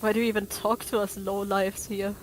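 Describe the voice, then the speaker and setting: During a game stream, a woman speaks casually in voice chat over Discord with noise cancellation, and the online audio is noisy. Her mid-range voice stays level and moves fairly quickly.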